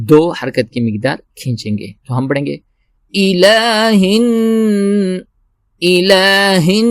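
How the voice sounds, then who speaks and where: A man teaching Quran recitation step by step, slow and patient, repeating each word and rising into long drawn-out chanted recitation. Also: medium pitch, a little mellow, dry recording, studio quality.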